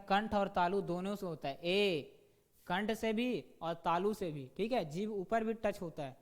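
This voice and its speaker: A male teacher giving an online grammar lesson. His voice sits high for a man, and the room around him rings with a long reverb. He drills the class with quick questions and sounds out each example slowly. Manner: repeats "ठीक है" and asks students questions.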